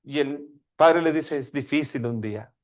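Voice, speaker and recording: A man's voice: a little high, a little slow. A man preaching a sermon, asking his congregation questions and acting out a dialogue between a father and his child. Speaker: pastor.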